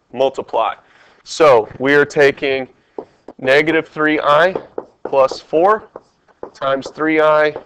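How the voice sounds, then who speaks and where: A math teacher with a stuffed-up, congested voice reviews a test over screen capture, walking the class through questions step by step and quizzing them along the way. His voice is mid-range and fairly bright, and the poor audio carries a little hiss or hum.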